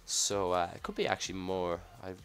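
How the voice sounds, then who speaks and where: A man with a low voice, a little husky from a cold, commentates live on a game pack opening. He talks casually, reacting offhand to each item as it shows up. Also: a little fast, a bit bright. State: slightly sick, husky off voice from a cough. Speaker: gaming video host.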